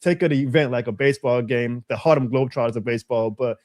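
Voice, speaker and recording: Fast-talking enthusiastic man from New Orleans. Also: mid-range voice, darkish tone, dry recording, studio quality. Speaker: podcast co-host. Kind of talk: casual sports podcast chat.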